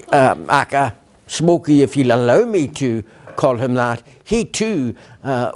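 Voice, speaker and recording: Older man telling stories. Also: mid-range voice. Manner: warm storyteller, many fillers and restarts. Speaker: guest speaker, former provost. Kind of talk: public lecture full of anecdotes. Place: council chamber.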